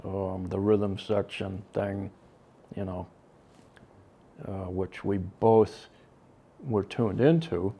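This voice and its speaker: Older man, gravelly and dark-voiced, slow reflective interview talk full of ums and pauses. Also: low-pitched. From Connecticut. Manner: slow, halting, many ums and trailing soft phrases. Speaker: drummer interviewed about his band.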